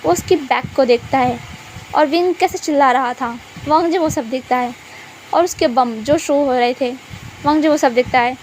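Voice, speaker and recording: A woman reads a fan-fiction story aloud in a high voice. Her telling stays plain and steady. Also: moderate pace, slight background noise, rough recording. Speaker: story reader.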